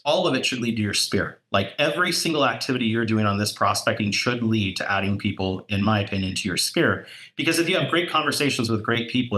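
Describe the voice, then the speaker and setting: A man with a slightly low but bright, forceful voice tells sales stories in a relaxed conversation. He gets animated, jumping his pitch up when he acts out what people said. The talk is loose and unscripted, full of fillers and restarts. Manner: animated storyteller, voice jumps up for quoted dialogue. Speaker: real estate broker and podcast co-host. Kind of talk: casual storytelling chat.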